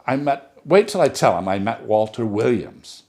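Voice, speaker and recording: Reading a short story aloud, a man gives voice to a chatty, gushing society woman who talks in a breathless stream and keeps praising herself. His mid-range voice is expressive and slightly mellow, close to how he normally talks, and he keeps a moderate pace.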